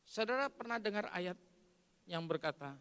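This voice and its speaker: A pastor with an Indonesian accent preaching a sermon, swinging from loud emphatic lines to hushed asides. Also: male voice, high-pitched, lively intonation, moderate pace, clean tone. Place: large church hall. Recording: long hall reverb.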